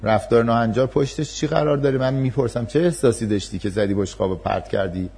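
A man's voice: medium pitch, a little mellow, breathy edge. A man giving an explanatory talk to an audience on parenting and empathy, acting out parent and child voices in his examples.

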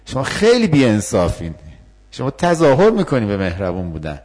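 A man's voice: fairly high pitch, sing-song, voice pushed up. A man playing a pleading, indignant student. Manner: begging, then accusing and indignant. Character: pleading then angry young university student.

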